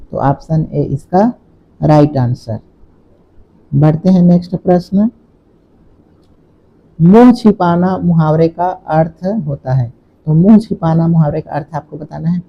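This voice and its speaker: A man's voice: fairly high pitch, vocal fry, muffled recording. A man teaching as an exam coaching teacher, working through multiple-choice questions step by step and repeating the key points. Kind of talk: exam question walkthrough lesson.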